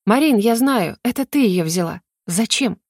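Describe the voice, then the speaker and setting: A woman voicing a frightened young woman who confronts her sister, tense and pleading, at times shouting. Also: fairly high pitch, a little fast, no echo, studio quality, voice pushed up, close to an everyday voice. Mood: serious.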